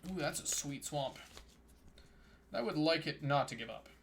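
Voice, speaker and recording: A man with a somewhat high voice chats casually on a live stream. He reads card text aloud in a plain, running commentary. His voice is tiring and starting to fail. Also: animated, normal speed, gravelly, a little hiss or hum. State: losing his voice.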